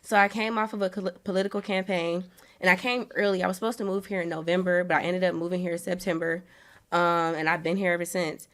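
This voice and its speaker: A young woman from Atlanta, a podcast guest telling her story in relaxed, rambling casual chat. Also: fairly low pitch, fast talker. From south side of Atlanta. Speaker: guest, hair braider.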